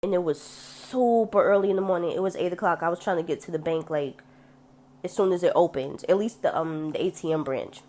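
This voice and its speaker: A young woman talks straight to camera in a relaxed vlog, her voice sitting a bit on the low side. She is blunt and chatty and swears freely. She jumps into the voices of the people she quotes. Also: fairly quick. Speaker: vlogger. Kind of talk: casual storytelling to camera.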